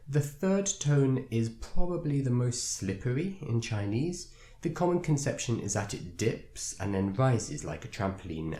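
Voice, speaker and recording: A man teaching an online language lesson, explaining patiently with the odd filler pause. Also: on the low side, a little mellow. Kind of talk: instructional video narration. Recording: roomy echo.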